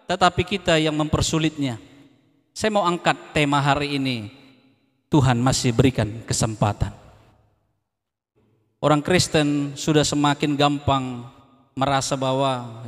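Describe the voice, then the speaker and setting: A man preaches to a congregation. His voice sits a little high and carries a long hall reverb. He swings between hushed pleading and loud, rising exhortation and keeps calling on the listeners to respond. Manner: calls on the congregation to respond, repeating phrases. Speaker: evangelist preacher. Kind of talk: sermon.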